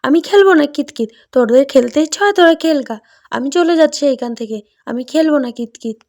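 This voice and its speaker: A woman's voice: sits high, lively intonation, a little fast, a little mellow. A woman voicing a jealous, petulant little girl doll in a cartoon doll story. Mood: sulky. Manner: petulant and bossy.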